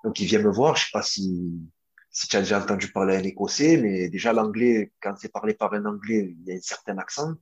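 A young man, a former footballer, telling a long story in a casual interview, animated, with lots of fillers and restarts. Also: lowish voice, a little fast, slightly rough, muffled recording.

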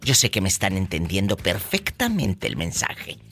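A man's voice: low-pitched, huge pitch swings, moderate pace, fairly bright tone, faint music behind. A man hosting a live radio talk show, giving playful, sassy, theatrical advice to listeners from a studio. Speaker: radio host.

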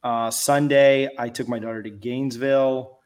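A man's voice: mid-range voice, steady tone, moderate pace, a little mellow, clear, resonant tone. A middle-aged man co-hosting a podcast, chatting casually in a laid-back, rambling, hesitant way. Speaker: podcast co-host. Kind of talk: casual chat.

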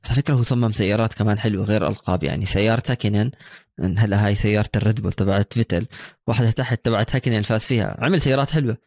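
A man, co-hosting a casual sports chat, who cuts in briskly and keeps the show on track. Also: fairly low pitch, a little mellow, no room sound, studio quality. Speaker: podcast co-host.

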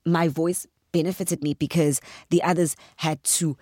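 A guest actress from South Africa speaks on a podcast interview in a husky, deep voice at a moderate pace. She is earnest but grows animated when telling stories, and the audio is clean studio sound with no echo.

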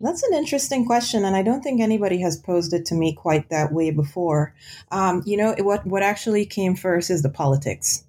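In an academic interview, a Guyanese author discusses her book as a guest, thinking aloud with frequent ums and restarts. She speaks briskly and with animation in a dark, mid-range voice.

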